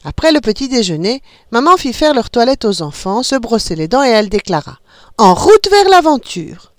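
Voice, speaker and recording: A woman reading a children's story aloud in an expressive, animated way. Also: on the high side, fairly quick, no echo, clean studio sound.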